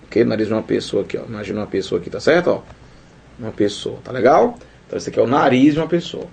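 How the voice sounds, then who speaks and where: A man teaching Portuguese grammar in a lively video lesson, playful and colloquial, talking straight to the viewer and acting out student questions. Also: on the low side, rapid-fire, creaky, a little hiss or hum.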